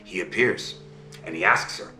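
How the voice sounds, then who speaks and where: A man's voice: low-pitched, moderate pace, bright, forceful tone, roomy sound, faint music behind. A man telling a fairy tale to his child over a video call, voicing the characters and checking in with okay and right. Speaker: father telling a bedtime story.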